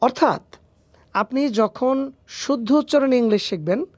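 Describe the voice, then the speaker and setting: An English phonetics teacher appears as an interview guest, answering emphatically and using rhetorical questions. His voice is extremely high-pitched and a little slow, with no echo.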